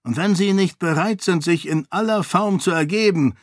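A man's voice: sits high, normal speed, no room sound, studio quality, voice pushed up, lightly acted. A man voicing a cold, menacing male monk leader in an audiobook, with a raised, sneering delivery. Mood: threatening. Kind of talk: audiobook character voice.

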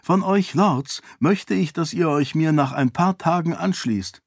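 A man's voice: on the high side, a little slow, no echo, clean studio sound, pitched above the performer's own voice. A man voicing a resolute young noblewoman who talks earnestly and persuasively in an audiobook. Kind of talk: audiobook character voice.

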